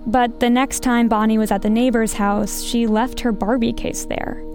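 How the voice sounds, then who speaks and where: Lady podcast reporter, highish voice w vocal fry, scripted doc narration. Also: steady tone, moderate pace, darkish tone, soft background music.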